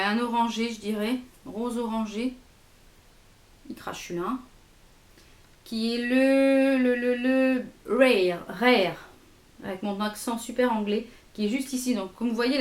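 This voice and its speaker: A woman beauty vlogger with a higher voice chats casually through a makeup haul in an echoey room. She sounds hesitant, using many fillers, and swatches products on her arm as she goes.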